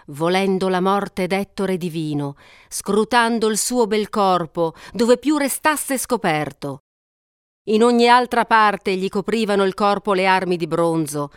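In a steady, measured manner, a woman narrates an ancient epic with a smooth, resonant mid-range voice. The recording is dry and close, with no room sound.

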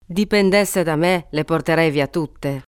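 A woman's voice: low voice, a little slow, clear, resonant tone, no room sound, studio quality. A woman playing a kindly, childless peasant wife who soothes and coaxes a crying girl in an audiobook. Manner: soothing, coaxing.

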